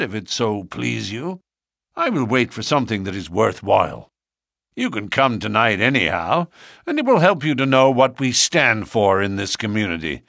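A man playing a gruff, commanding chairman of a secret lodge in a storybook reading. He speaks in a formal, raised voice over a close, dry sound. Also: mid-range voice, a bit bright, no room sound.

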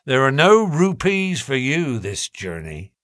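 A man's voice: medium pitch, sing-song, slow, fairly bright tone, dry recording, studio quality, pitched above the performer's own voice. A man reading aloud, voicing a defiant, bitter middle-aged male convict who talks in an impassioned snarl.

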